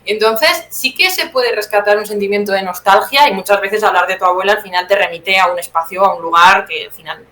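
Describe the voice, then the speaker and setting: Speaking fairly quickly with hardly any pauses, this young playwright from Teruel has a medium-pitched, sharp-toned voice and an accent from Spain. She's a guest answering interview questions in a conversational way, recorded with roomy echo and clearly audible background noise.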